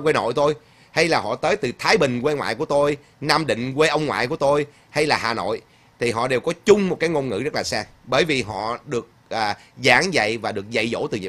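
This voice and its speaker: A man hosts a chatty livestream, reading viewer comments aloud and answering them. His voice is bright and forceful, at an ordinary male pitch. He talks emphatically, repeats his points and fills pauses often. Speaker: host of a political livestream.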